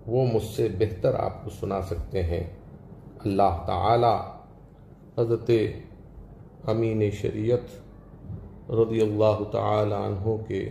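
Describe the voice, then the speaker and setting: A man preaching a devotional sermon in a measured, emphatic way, lifting his voice on key words. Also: on the low side, creaky, mellow, roomy sound, slight background noise. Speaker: Islamic preacher.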